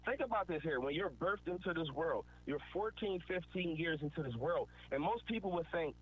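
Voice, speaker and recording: A motivational speaker with a higher voice talks fairly fast with lively intonation, earnestly preaching and repeating his points for weight. The recording sounds like a tinny phone line with a faint hiss of noise.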